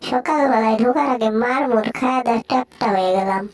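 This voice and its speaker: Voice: mid-range voice, fast. A fan dubber doing a homemade cartoon dub, with comic, colloquial exclamations. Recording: recorded from a distance.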